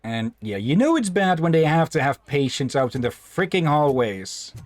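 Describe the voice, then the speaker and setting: A man hosting a let's play, giving casual commentary in a halting, rambling way. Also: fairly high pitch, very animated, dry recording. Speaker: gaming video host.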